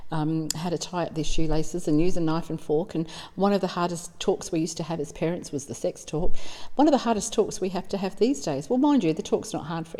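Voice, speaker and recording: An Australian woman, a psychic medium, giving an informal spiritual talk in a chatty, storytelling way. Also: low voice. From South Australia. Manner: warm storytelling, chatty with fillers. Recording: long reverb.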